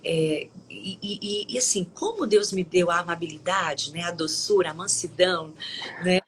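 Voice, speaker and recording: A woman with a lowish voice hosts a devotional live stream. She talks in a loose, conversational way and pauses to read Bible verses aloud. A faint hiss sits under the voice. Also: expressive, poor audio. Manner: conversational, with frequent tag questions and restarts. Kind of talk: devotional talk and scripture reading.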